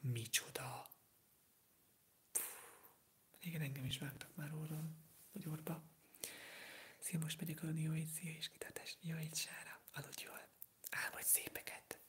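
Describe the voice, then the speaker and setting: A man hosting a live ASMR stream, answering viewer comments in a soft unvoiced whisper. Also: on the high side, a little hiss or hum. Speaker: ASMR livestream host. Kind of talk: whispered ASMR livestream chat.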